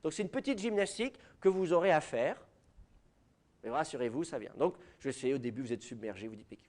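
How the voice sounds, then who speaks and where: A man's voice: fairly high pitch, a little mellow. A man with a French accent giving a university lecture, explaining to students directly, with many fillers. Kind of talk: classroom lecture.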